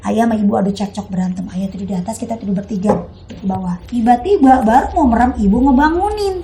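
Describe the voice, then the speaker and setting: A young woman, hosting a casual chat and telling a story in an animated, dramatic way. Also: a little high, quick pace, slight background noise. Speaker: host. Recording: echoey room.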